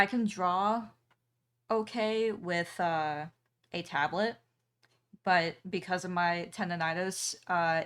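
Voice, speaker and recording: Young woman artist streaming, lowish voice, easygoing chat w/ viewers, lots of ums. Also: smooth. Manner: relaxed, chatty, reads chat aloud, frequent ums and small laughs. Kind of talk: casual chat while drawing on stream.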